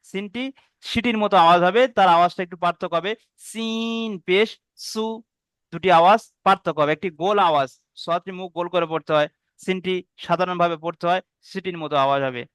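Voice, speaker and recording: A man teaching Arabic letter reading in an online video-call class, sounding out each letter slowly and then explaining the rules. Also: high-pitched, a bit bright, clean tone, no echo. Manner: slow drawn-out drilling of letter sounds.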